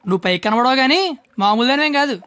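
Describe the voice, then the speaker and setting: An actor playing a cheeky, streetwise young man who talks quickly in a film scene. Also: very high voice, expressive, pushed and bright, clear, resonant tone, no room sound, exaggerated voice. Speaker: rowdy young man who failed school. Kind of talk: film dialogue. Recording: film audio with music behind.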